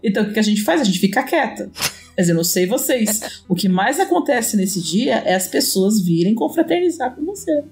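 Animated high-voiced woman co-host. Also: fairly quick, music in the background. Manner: animated, dramatic storytelling. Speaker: podcast co-host. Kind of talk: casual chat.

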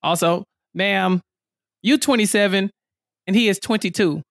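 A woman from Texas co-hosting a podcast in casual chat, playful and quick to slip into slang. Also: mid-range voice, no room sound, clean studio sound. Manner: animated, playful, slips into slang. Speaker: podcast co-host.

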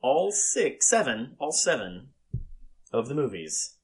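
A man hosting a podcast in casual chat, emphatic and halting, repeating himself and swearing freely. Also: medium pitch, very animated, husky. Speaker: podcast host.

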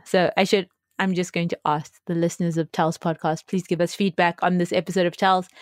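Young South African woman, casual podcast co-host, lower-pitched, dry close mic. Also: no echo. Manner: chatty, laughs often, many fillers.

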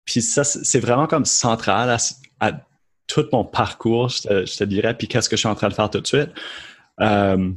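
A man in his thirties from Moncton, New Brunswick, Canada, speaks with an Acadian French accent as a podcast guest. His voice is on the low side at a moderate pace, and in this casual conversational interview he sounds earnest, restarting his sentences often.

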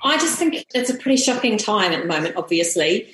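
A woman's voice: mid-range voice, big pitch swings, fairly quick, fairly bright tone. A middle-aged woman speaks with a broad Kiwi accent in a conversational interview style. She sounds like a podcast guest, recorded in a roomy, echoey space. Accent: broad New Zealand (Kiwi). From New Zealand. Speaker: podcast guest, family portrait photographer. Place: room, standing with baby in arms.

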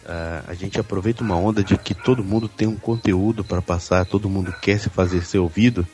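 A man's voice: low voice, fairly even intonation, fairly quick, a little mellow, soft background music. A man chatting casually as a podcaster, very close to a microphone that catches his breath. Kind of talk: casual chat. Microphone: held very close, breath blowing on it.

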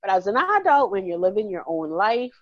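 A Bahamian woman in her forties, a counselor talking warmly and chattily in an interview, laughing easily. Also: mid-range voice, sing-song, brisk, dry recording, highs cut off. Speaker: counselor and guest. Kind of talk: casual interview conversation.

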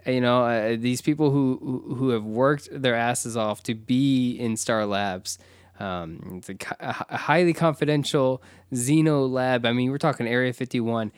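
A man with a smooth, resonant voice co-hosts a casual podcast. He talks with animation and often jumps into high, mocking voices to act out quotes. The recording is dry and close. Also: measured pace, no echo. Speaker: podcast co-host.

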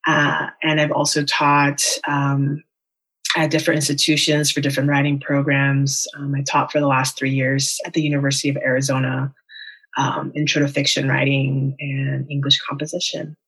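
She has a very deep voice that is a bit bright with a breathy edge, spoken in a monotone at normal speed. A young adult writer and teacher from Las Vegas and Miami, US, she talks frankly and thoughtfully during a casual podcast interview, often saying um and like.

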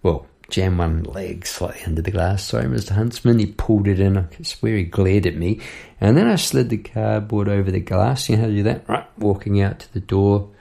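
Gravelly New man spinning a yarn. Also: on the low side, normal speed, dark tone. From New Zealand. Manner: chatty, rambling, laughs between lines. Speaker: podcast host and songwriter. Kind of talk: casual storytelling monologue.

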